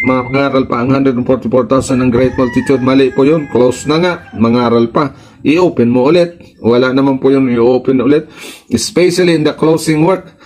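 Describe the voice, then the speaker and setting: A man's voice: medium pitch, a little mellow, a little hiss or hum, poor audio. A man with a Filipino accent, a pastor preaching a sermon. He reads passages aloud in English, then explains them in Tagalog, repeating his points with emphasis.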